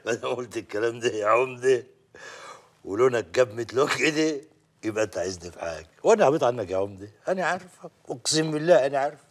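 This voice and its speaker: An actor playing a sly village folk healer who teases the mayor in a deferential, joking way, in an Egyptian accent. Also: male voice, mid-range voice, animated, fast talker, pauses often, natural voice. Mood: teasing. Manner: teasing, chuckling, deferential.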